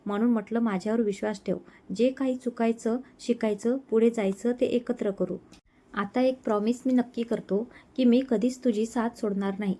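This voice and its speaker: A woman voicing a tender, reassuring young man who speaks gently and unhurriedly to his fiancée. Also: on the high side, steady tone, normal speed, natural voice.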